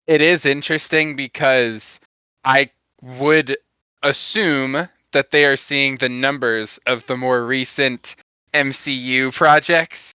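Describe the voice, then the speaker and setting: Podcast co-host, male, crisp forward tone, dry sound, casual agreeable feedback with self-corrections. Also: mid-range voice, fairly even intonation, takes it slowly, pushed and bright, no echo. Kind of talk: casual chat.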